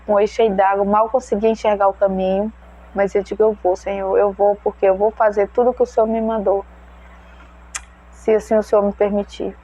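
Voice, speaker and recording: A woman's voice: mid-range voice, warm tone. A mother retelling a personal religious testimony, emotional and prayerful, often voicing her own prayers aloud. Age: adult mother. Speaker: testimony speaker.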